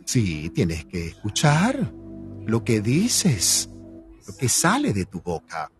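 Man, Venezuelan accent, motivational talk, animated swooping pitch, unhurried delivery. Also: faint music behind. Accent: Venezuelan Spanish. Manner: playful, acts out little quoted voices. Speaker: actor and motivational speaker.

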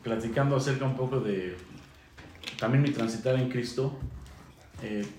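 A man's voice: medium pitch, normal speed, darkish tone. Man, hesitant testimony, echoey room, faint hiss. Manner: hesitant, with fillers. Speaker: church member giving testimony.

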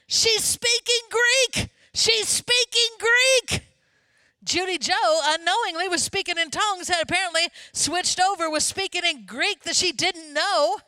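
Bright, high-voiced woman preaching. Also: no room sound. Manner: lively, conversational preaching with asides to the congregation. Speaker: pastor. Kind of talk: sermon.

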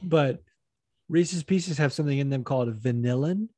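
A man's voice: on the high side, normal speed, dark tone, dry recording. A man hosting a podcast, chatting casually and rambling, swearing often. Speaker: podcast host.

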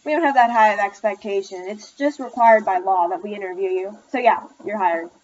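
A woman reading the lines of a blunt, lazy male fast-food manager, in an offhand way. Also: medium pitch, a little mellow, dull audio, close to an everyday voice.

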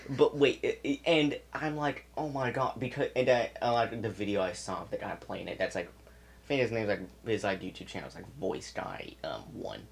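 A man's voice: on the low side, animated, moderate pace, creaky. A man chatting as a podcast guest, rambling through a story with lots of fillers and restarts. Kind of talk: casual chat.

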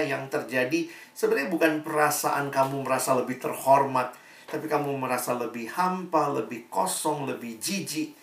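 A man preaching to a young crowd, his gravelly voice carrying through an echoey hall. He sounds a little far from the mic. He tells his points as stories and plays out each side of the dialogue. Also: medium pitch, fairly bright tone. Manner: storytelling, acting out both sides of a dialogue. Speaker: youth preacher. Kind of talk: sermon.

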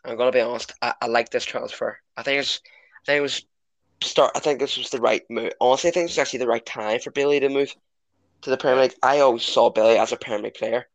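Man, gravelly creak, dry close sound, casual podcast hosting. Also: mid-range voice, steady tone, fast, dry recording, low-quality recording. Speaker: podcast host. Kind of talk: casual chat, moderating a football discussion.

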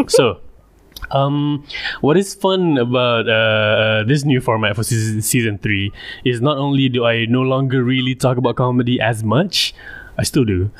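A Malaysian-accented man hosts a podcast in a conversational way. His medium-pitched voice moves haltingly, doubling back on his own sentences. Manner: halting, self-interrupting. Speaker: podcast host. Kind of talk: casual conversational podcast hosting.

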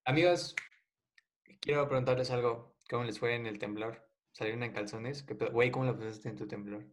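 A young man with a Mexican Spanish accent hosting a casual podcast, joking and full of slang, telling stories with lively energy. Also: mid-range voice, fairly quick. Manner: joking, slangy, animated storytelling. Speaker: podcast host.

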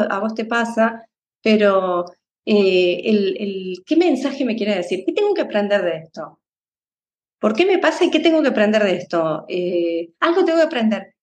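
Calm woman explaining. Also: a little high, roomy sound. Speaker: psychologist guest. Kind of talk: interview conversation.

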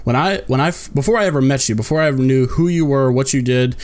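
A man's voice: mid-range voice, quick pace, darkish tone. A man hosting a podcast, asking long, rambling, chatty questions. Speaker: podcast host. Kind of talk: casual interview chat.

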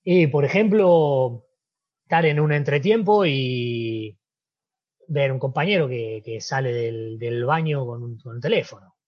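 A man with a Rioplatense Spanish accent, an interview guest who was a footballer, telling an animated story and acting out the dialogue. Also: mid-range voice, unhurried, dull audio. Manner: animated storyteller, acts out dialogue, frequent "¿viste?". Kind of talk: casual storytelling.

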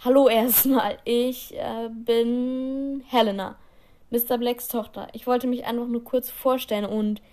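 A woman's voice: fairly high pitch, level tone, measured pace, darkish tone, lightly acted. A woman voicing a teenage girl who talks back with spirit. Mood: timid. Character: defiant teenage girl, timid turned cheeky.

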